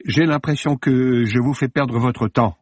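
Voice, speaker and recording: A man's voice: mid-range voice, unhurried, no room sound, studio quality, pitched above the performer's own voice, lightly acted. A man reading the part of a nervous young woman, a film fan, who speaks hesitantly with stammers. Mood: tense hesitant. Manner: hesitant, stammering, then defiant.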